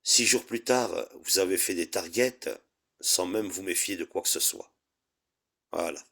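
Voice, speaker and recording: A man's voice: low voice, measured pace, fairly bright tone, husky. Taunting man ranting. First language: Arabic. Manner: taunting, insulting, combative. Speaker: live stream host. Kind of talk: heated live-stream rant.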